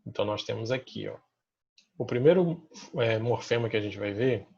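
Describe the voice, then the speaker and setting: A man's voice: lowish voice, moderate pace, creaky, darkish tone, husky, highs cut off. A male teacher with a Brazilian Portuguese accent, explaining a grammar lesson from slides and ending many phrases with little checking questions. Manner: checks in with listeners through constant tag questions; points to examples on the slide as he goes.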